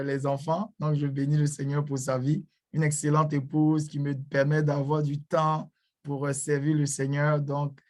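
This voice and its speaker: Male preacher for an online conference; level, monotone delivery, a touch high, hesitant and repetitive. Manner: frequent hesitations and fillers; repeats blessings and greetings. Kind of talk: online church conference talk.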